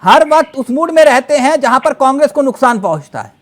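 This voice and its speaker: Male TV debate anchor, high lively pitch, insistent and interrupting. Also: fairly quick. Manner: interrupting, pressing repeatedly for answers. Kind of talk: moderating a heated TV debate.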